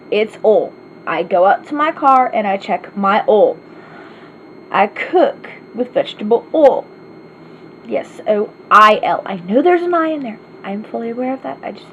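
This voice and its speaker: Her voice sits in the mid range with a bit of brightness. She's an Arkansas woman fielding questions in a casual home vlog, chatty, rambling and poking fun at herself, captured in a slightly dull recording with light hiss.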